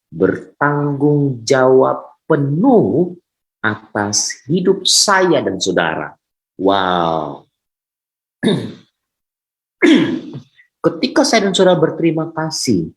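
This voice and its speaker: A male pastor preaching a sermon, repeating key phrases and calling out to listeners to say amen. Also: on the high side. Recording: roomy echo.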